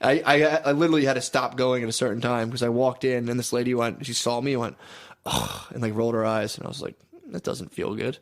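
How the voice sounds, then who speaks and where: A man's voice: medium pitch, fairly even intonation, quick pace, few pauses. Rambling, profane young man. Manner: rambling, profane, defensive, storytelling. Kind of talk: casual chat.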